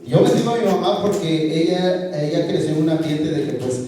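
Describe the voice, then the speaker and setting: A man's voice: fairly high pitch, a little fast, dark tone, a little hiss or hum. A man giving an earnest personal testimony to a congregation, often checking in with "¿verdad?" as he tells his story. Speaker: church member giving a testimony. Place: large church hall. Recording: echoey hall from far off.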